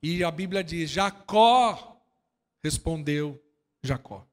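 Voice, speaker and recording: A Brazilian pastor preaching a sermon, swinging from quiet asides to loud shouting and firing rhetorical questions at his congregation. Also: high-pitched, big-room sound. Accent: Brazilian Portuguese. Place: church hall.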